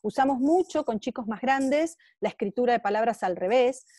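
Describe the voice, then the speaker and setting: Woman lecturer with a Rioplatense accent, patient and emphatic, relaxed mellow voice. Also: on the high side, moderate pace, no room sound, studio quality. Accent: Rioplatense Spanish. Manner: explanatory, with emphatic stressed phrases. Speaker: psychopedagogue lecturer. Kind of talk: online lecture.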